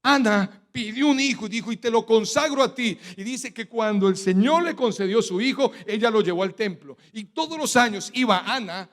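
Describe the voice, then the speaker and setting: High-voiced Colombian pastor preaching. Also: male voice, moderate pace, few pauses. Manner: rhetorical questions, has the congregation finish his sentences; emphatic preaching cadence with sudden loud stresses. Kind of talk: sermon. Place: church.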